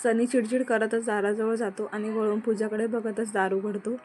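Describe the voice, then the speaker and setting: Woman, story narrator, mellow dark tone, even measured delivery, scripted reading. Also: on the high side, a little hiss or hum.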